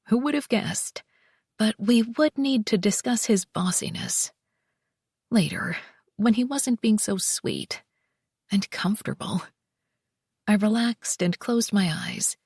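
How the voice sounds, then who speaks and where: A woman narrating a first-person romance audiobook, soft and slow, with breathy whispered passages. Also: on the high side, no echo, studio quality.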